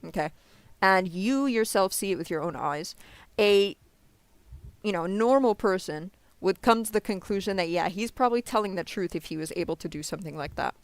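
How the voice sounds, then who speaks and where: A man's voice: high voice, moderate pace, no echo. A man in a street debate about faith, patiently explaining and often checking "you understand?". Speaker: religious debater.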